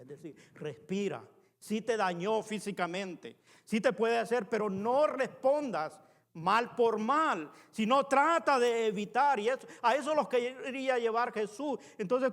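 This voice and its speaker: A male pastor preaching a sermon in a church, talking earnestly and conversationally, weaving in personal stories and addressing the congregation as brothers. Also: very high-pitched. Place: church sanctuary. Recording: long hall reverb.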